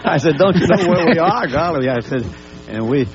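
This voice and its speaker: A man's voice: a little high, expressive, normal speed, loud music behind the voice. An older man with a Southern accent, a guest on a TV show, reminiscing jovially and laughing through his stories. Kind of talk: on-air reminiscing. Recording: dull lo-fi broadcast tape with hum.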